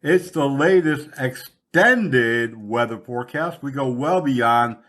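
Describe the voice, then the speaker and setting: Slow, measured male radio host. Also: medium pitch, animated, fairly bright tone. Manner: measured, friendly announcer delivery. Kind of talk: local radio hosting. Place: radio studio.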